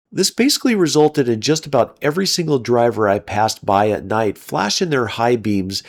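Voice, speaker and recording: A middle-aged American man giving a scripted, enthusiastic and opinionated narration as a car channel host. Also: mid-range voice. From United States.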